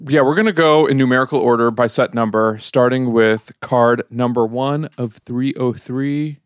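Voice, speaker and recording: A man hosting a casual podcast, upbeat, reading patron shout-outs and plugs before card talk. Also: mid-range voice, normal speed, clean tone, no room sound, clean studio sound. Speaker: podcast host.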